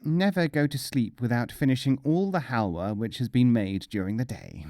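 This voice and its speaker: A man voicing a wily, self-satisfied mullah from a folk tale, speaking deliberately and matter-of-factly. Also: mid-range voice, expressive, darkish tone, no echo, studio quality, close to an everyday voice. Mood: self-important.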